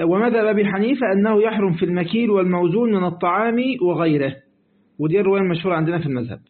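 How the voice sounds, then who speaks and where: A sheikh with an Egyptian Arabic accent teaches a classical Quranic exegesis text in a lively colloquial style, acting out little dialogues between explanations. His high-pitched voice switches between reading the text and casual asides, and the audio is tinny and phone-like.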